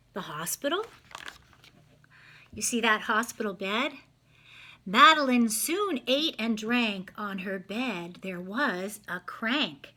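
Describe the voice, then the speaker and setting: Expressive and forceful, a children's storyteller reads a picture book aloud in a fairly high, bright voice. Every so often she stops to ask her young audience simple questions.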